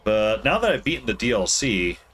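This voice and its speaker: A man's voice: lowish voice, very animated, brisk, a bit bright, a little hiss or hum. A man streaming a video game from home, rambling casually and correcting himself as he plays. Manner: rambling, mumbling, self-correcting. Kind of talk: casual gameplay commentary.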